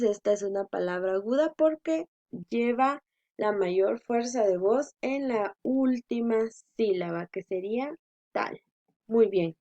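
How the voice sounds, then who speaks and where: A woman's voice: on the high side, dark tone. A woman teaching a class, explaining patiently and stretching out syllables to stress them. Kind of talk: slow explanatory lesson for children. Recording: dull lo-fi sound.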